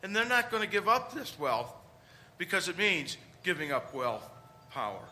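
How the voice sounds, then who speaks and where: A man's voice: high-pitched, very animated, moderate pace, pushed and bright, a little hiss or hum. A man preaching a conversational homily, with rhetorical questions and emphatic points.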